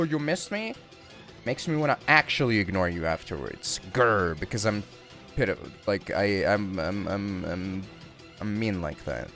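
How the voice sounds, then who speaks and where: A man's voice: on the low side, a bit bright. A man streaming live, chatting casually and playfully with viewers in a rambling way.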